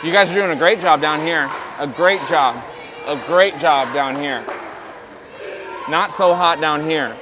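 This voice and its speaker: A male basketball coach on a body-worn mic, shouting short commands to his players during a game and talking more calmly in huddles. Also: on the high side, measured pace. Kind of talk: mic'd-up courtside coaching. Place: indoor gym during a game. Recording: game crowd and gym noise.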